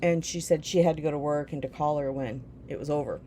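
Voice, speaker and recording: Brief: low-pitched woman, rambling memoir storyteller who keeps circling back to her point. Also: fast, warm tone, slight background noise. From Newton, Iowa, USA. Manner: rambling, reflective, often drifting back with "anyway". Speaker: storyteller recounting her life. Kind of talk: casual personal memoir storytelling.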